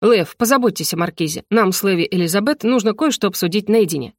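A man's voice: sits high, animated, no room sound. Lady doing a stiff formal count from a fantasy storybook, curt and commanding, dry close audio. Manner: measured, formal speech. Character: composed aristocratic young count, curt and commanding.

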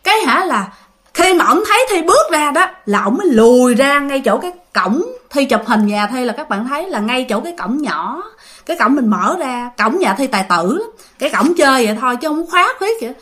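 A woman's voice: high voice, a little fast. A woman with a Southern Vietnamese accent telling a ghost story in a casual spoken way, talking straight to her listeners. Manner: animated, talks straight to listeners.

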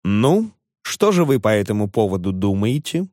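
A man doing a flustered elderly gentleman. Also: lowish voice, big pitch swings, normal speed, no echo, clean studio sound. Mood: genial. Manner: genteel, flustered pleading.

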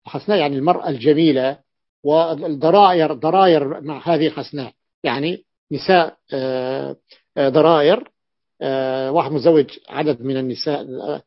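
A male grammar teacher giving a classroom lesson, explaining slowly and repeating key phrases, with drawn-out hesitations. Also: a little high, no room sound. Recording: dull, dry, lo-fi classroom recording.

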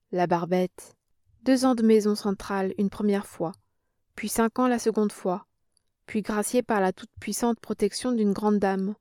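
A woman's voice: medium pitch, dark tone, dry recording, clean studio sound, close to an everyday voice. A woman reading an audiobook, voicing a brave young woman who speaks in a cold, curt, commanding way.

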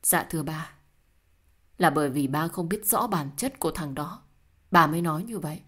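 Young wife, desperate, pleading, indignant, woman reading, lowish voice. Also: expressive, moderate pace.

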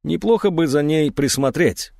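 A man reading aloud, voicing a calm man who reasons in a terse, measured way. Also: a little high, gravelly, no room sound, studio quality, pitched above the performer's own voice.

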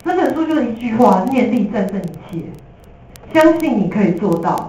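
Lively teacher with a Taiwanese Mandarin accent. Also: female voice, fairly high pitch, brisk. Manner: lively and jokey, slips in English terms. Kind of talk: classroom lecture. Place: classroom. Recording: echoey room from a distance.

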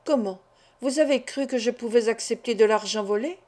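Brief: cold, proud society woman scolding, read by a woman, fairly high voice. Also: moderate pace, darkish tone, close to an everyday voice. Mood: scornful.

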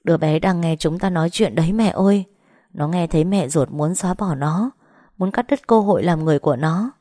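A woman's voice: fairly low pitch, fairly quick, warm tone, dry recording, clean studio sound, close to an everyday voice. A woman voicing a desperate young pregnant woman who refuses through tears, pleading insistently.

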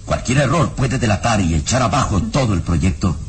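A man narrating an old-time radio drama in a measured, even storytelling voice. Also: lowish voice, background noise. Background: dramatic background music.

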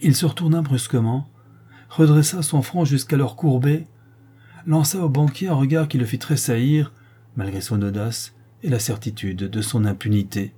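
A male narrator reads a novel aloud with a measured, dramatic delivery. His voice is dark and mellow, with a husky, slightly breathy edge, at a middling pitch. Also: fairly even intonation. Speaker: audiobook narrator. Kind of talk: scripted narration.

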